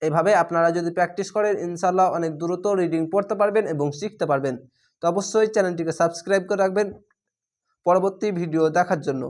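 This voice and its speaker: Patient teacher chanting slow recitation. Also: mid-range voice, a little mellow. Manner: spells out letters, then chants the words slowly. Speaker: Quran reading teacher. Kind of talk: spelled-out recitation lesson.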